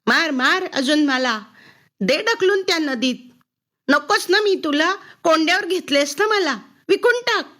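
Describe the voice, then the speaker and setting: A woman voicing a defiant sixth-grade girl who shouts bitterly at her mother. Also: high voice, sing-song, a little slow, exaggerated voice. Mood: shrill defiance.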